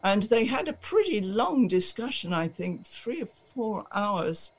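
A man's voice: sits high, big pitch swings, unhurried, slightly rough, poor audio. A man chatting casually on radio, stumbling over words and restarting often.

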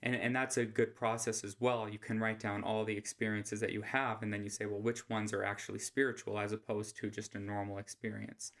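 An American man giving an informal religious lesson in a soft, quiet voice, with a flat monotone manner. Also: fairly quick, hardly any pauses. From Utah, United States. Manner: flat monotone, speaking low without inflection. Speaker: host of a scripture study podcast. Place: quiet room at home.

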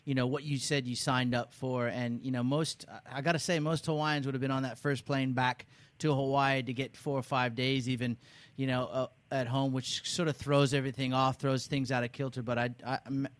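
A man's voice: mid-range voice, flat delivery, a little fast, no room sound. A man hosting a casual interview in an effusive, rambling way, restarting his phrases. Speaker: interview host.

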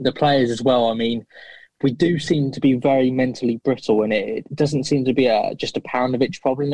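A man's voice: mid-range voice, a little mellow, no echo, low-quality recording. A man giving interview answers as a football fan, earnest and hesitant. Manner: earnest, hesitant, many fillers and restarts.

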